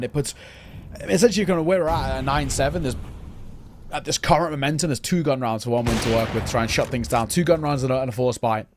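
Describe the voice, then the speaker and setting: A man commentating live on an esports match as a play-by-play caster. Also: mid-range voice. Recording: noisy, game gunfire and clicks behind.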